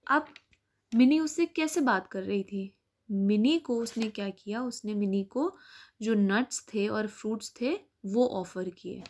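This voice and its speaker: Patient woman teacher, mellow voice. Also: medium pitch. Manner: reads English text slowly, then explains it patiently. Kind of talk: explaining an English lesson in Hindi.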